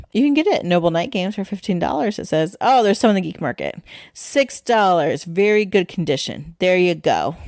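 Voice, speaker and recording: A woman's voice: lowish voice, no echo, clean studio sound. A woman co-hosting a podcast, chatting in a rambling, self-deprecating way. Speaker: podcast co-host. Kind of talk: casual chat.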